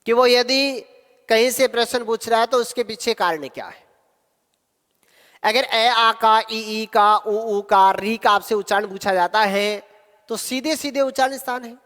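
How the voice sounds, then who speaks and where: A man's voice: very high-pitched, sharp tone, long reverb tail. A man teaching a grammar lesson for exam preparation, asking questions and answering them himself. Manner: slow, repetitive quizzing of students.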